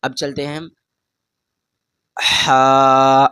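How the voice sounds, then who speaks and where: Male Quran teacher, patient and direct, drawn-out letter demos, dry close recording. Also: medium pitch, no room sound. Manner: patient, repeats each letter loudly and drawn out; talks straight to the learner, asks them to repeat. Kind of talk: beginner Arabic letter lesson.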